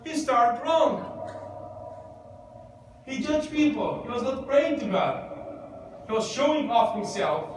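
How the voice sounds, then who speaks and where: In a church, a man pastor with an extremely high-pitched, expressive voice talks slowly with long pauses. His interactive Bible teaching is conversational, and he asks the room questions. The audio comes from a distant mic in an echoey, noisy church hall.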